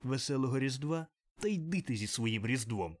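A man's voice: medium pitch, lively intonation, moderate pace, natural voice. A man voicing a cold, grumbling old miser who answers curtly. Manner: grumbling, curt.

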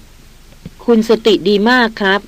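A woman voicing a calm, steady veteran male jungle hunter in an audiobook, speaking in a reassuring way. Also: takes it slowly, no room sound.

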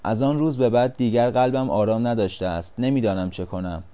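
A man voicing a small, shy yellow caterpillar in a storybook reading, speaking softly in a hushed, low voice. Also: close to an everyday voice. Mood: tearful.

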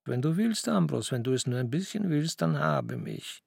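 A man's voice: mid-range voice, sing-song, moderate pace, creaky, a little mellow, husky, no room sound, clean studio sound, exaggerated voice. A man voicing an affectionate, lovesick middle-aged aunt, effusive and pleading, in a raised voice.

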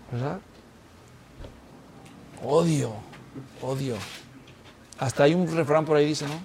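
A man preaching a sermon, animated and often checking in with the congregation with quick rhetorical questions. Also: high-pitched. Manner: animated, keeps asking the congregation "right?".

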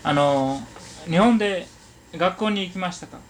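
A man conducting an oral history interview, asking polite, halting questions and giving frequent small acknowledgements. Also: high-pitched, a little hiss or hum. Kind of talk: gentle question-and-answer interview.

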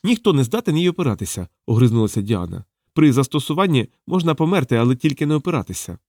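A man's voice: mid-range voice, big pitch swings, quick pace, warm tone, dry recording, clean studio sound. A man voicing a cold, harsh woman interrogating a prisoner in an audiobook, snapping out commands. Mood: cold questioning. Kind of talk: audiobook character voice.

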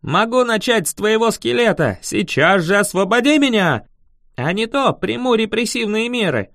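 A man's voice: high-pitched, sing-song, moderate pace, fairly bright tone, no echo, studio quality, voice pushed up, full character voice. A man playing an indignant young wizard. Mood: mock-menacing. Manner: indignant, mock-menacing bluster.

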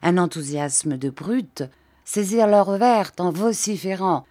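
A woman reading a literary short story aloud in a measured, expressive way. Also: fairly low pitch. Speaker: reader. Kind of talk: literary audiobook narration.

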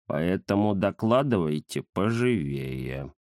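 Zakhar, a man doing a deep lazy fat tomcat. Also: sing-song, darkish tone, dry recording, clean studio sound, exaggerated voice. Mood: pompous. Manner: slow, lazy, grumbling, self-important. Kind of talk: audiobook character voice.

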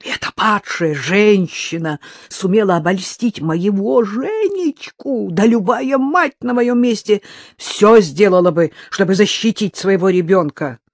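A narrator voicing a spiteful elderly mother-in-law who scolds in a shrill, outraged voice. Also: lively intonation, measured pace, no echo, clean studio sound. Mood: venomous. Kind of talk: audiobook character voice.

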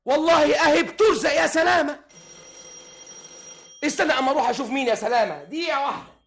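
An actor playing a boastful, penniless husband in an Egyptian radio comedy, with an Egyptian accent and a self-important, joking manner. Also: male voice, very high-pitched, fast talker, creaky, fairly bright tone, a little hiss or hum, heavily acted. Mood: boasting. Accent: Egyptian Arabic. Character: boastful penniless husband, comic male schemer.

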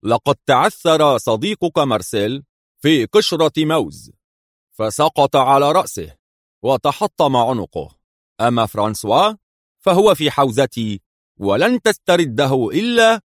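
A man's voice: medium pitch, sing-song, measured pace, dry recording, studio quality, voice pushed up. Man doing a sarcastic cool secret agent. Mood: mocking. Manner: mocking, cool. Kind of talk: audiobook character reading.

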